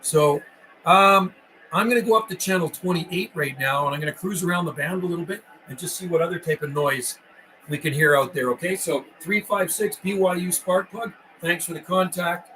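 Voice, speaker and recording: An older man with a high, sharp-toned voice chats casually at a normal speed, calling out as a CB radio operator on a livestream. He's folksy and keeps repeating radio phrases. The mic is distant in a roomy space, with faint noise.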